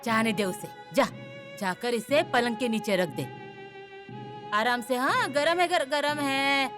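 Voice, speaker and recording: An actress playing a caring but bossy old grandmother of the household, who talks in a brisk, fussing way in a TV serial, with soft music behind. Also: on the high side. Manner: brisk, fussing, animated scolding. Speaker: mother of the household. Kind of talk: TV serial acting.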